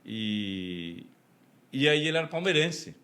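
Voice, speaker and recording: A man's voice: medium pitch, sing-song, takes it slowly, a bit bright. Chatty Brazilian man telling stories. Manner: chatty, laughs often, many "né?" tags. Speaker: podcast guest, deacon. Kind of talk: casual interview storytelling.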